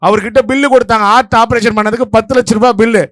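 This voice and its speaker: A man from Vellore district in Tamil Nadu, judging a stage debate and giving his verdict in a rapid, playful, story-driven speech to a live audience. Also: very high-pitched, steady tone, fairly bright tone, no room sound, clean studio sound. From Vellore district, Tamil Nadu, India.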